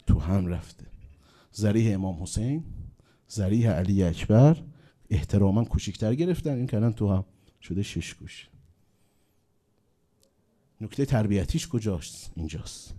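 Man, preacher, deep and very dark tone, sermon storytelling, loud outbursts then hushed grief. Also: animated, pauses often. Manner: swings between loud exclamations and hushed, mournful lines.

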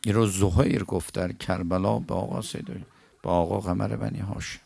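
A male preacher with a heavily gravelly, low voice tells stories in a vivid sermon. He breaks now and then into slow chanted verse. The sound is close and dry. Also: fairly even intonation, warm tone, dry recording. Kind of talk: religious storytelling sermon.

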